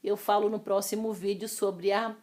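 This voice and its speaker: A Brazilian woman teacher giving a recorded lesson, drawing out each example word slowly and calling her students "amores". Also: medium pitch, little pitch movement, a little mellow. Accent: Brazilian Portuguese. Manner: slow, drawn-out pronunciation of example words; affectionate, addresses students as "amores".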